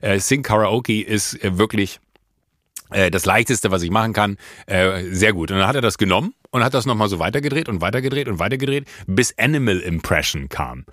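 Man, podcast host, lively rising and falling voice, bright tone, dry close sound. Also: lowish voice, a little fast, no room sound. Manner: animated, many fillers and restarts. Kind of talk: casual storytelling.

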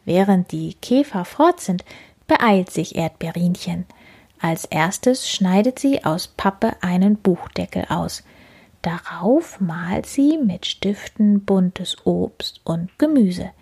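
A woman reading a children's story aloud, gentle and hushed, often half-whispering. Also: fairly low pitch, lively intonation, slow, gravelly, slightly rough. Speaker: reader.

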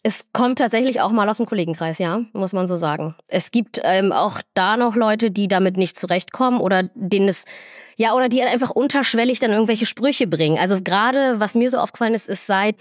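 A young woman, a resident doctor, speaking reflectively with many pauses and fillers in a podcast interview. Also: medium pitch, no echo, studio quality. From Somalia, raised in Germany. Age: young adult. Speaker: resident doctor in gynecology and obstetrics.

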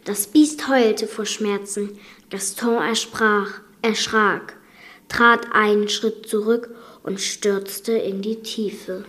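Woman narrator, slow, unhurried, calm fairy-tale podcast host. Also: mid-range voice, slight background noise. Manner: calm, measured reading.

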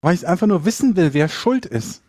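Lively playful man, dry close mic. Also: high-pitched, brisk, no echo. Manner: playful, imitates bird chirps. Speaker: podcast co-host. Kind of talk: casual chat.

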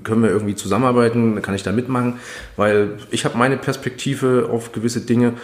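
A man's voice: medium pitch, fairly even intonation, a little fast. Hesitant man in a roomy space. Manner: hesitant, many fillers. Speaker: podcast co-host, interviewee. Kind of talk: casual conversational interview. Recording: roomy echo.

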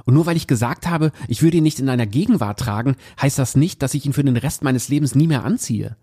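A man's voice: medium pitch, fast, mellow, husky, pitched above the performer's own voice. A man reading aloud the lines of an upset young woman who pleads and insists with her fiancé. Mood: pleading.

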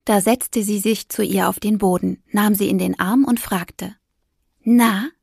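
A woman narrating a children's story with gentle, lively storytelling. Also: mid-range voice, moderate pace, creaky, breathy edge, no room sound, studio quality.

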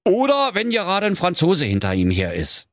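A man's voice: high voice, wildly swooping pitch, normal speed, dry recording, clean studio sound, pitched above the performer's own voice. Man doing a pompous officious dad. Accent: Berlin. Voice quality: officious, reads rules aloud. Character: pompous middle-aged father, factory director.

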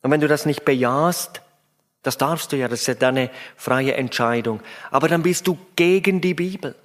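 A man's voice: on the high side, moderate pace. A man preaching a sermon in an emphatic way, addressing his listeners directly.

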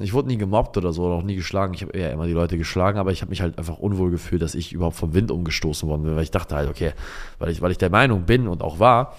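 A man speaking reflectively in a personal storytelling podcast, often searching for words and repeating himself. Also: deep voice.

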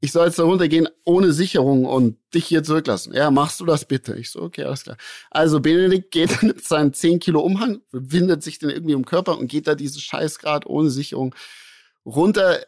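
A man, telling a long story as a podcast co-host in a lively, slangy way and acting out the voices in it. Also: on the high side, brisk, no echo, clean studio sound. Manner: animated, acts out voices in his anecdote, slangy. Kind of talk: casual storytelling among friends.

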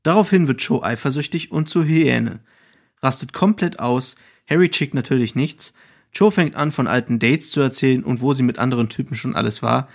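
A man's voice: mid-range voice, moderate pace, creaky. Sarcastic man reading and chatting. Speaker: podcast co-host and narrator of excerpts. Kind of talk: casual podcast chat and reading aloud.

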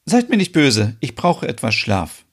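A man's voice: medium pitch, huge pitch swings, a little slow, slightly rough, voice pushed up, exaggerated voice. A man voicing a tired, polite grown woman in a podcast soap opera, speaking in a weary way.

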